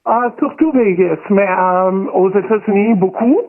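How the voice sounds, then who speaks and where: A woman in her fifties with a Québécois accent, calling in to a radio show through a voice changer, chatty and mixing in English phrases. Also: measured pace. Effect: voice changer pitching her voice up. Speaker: anonymous guest caller. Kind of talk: casual radio phone chat. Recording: phone-line call.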